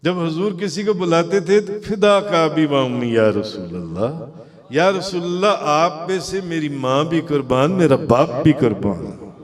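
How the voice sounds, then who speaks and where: Preacher with slow, drawn-out delivery. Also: male voice, fairly high pitch, animated. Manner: questions the audience, chants verses in a drawn-out singing tone. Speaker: Sufi preacher. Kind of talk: devotional sermon. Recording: long hall reverb.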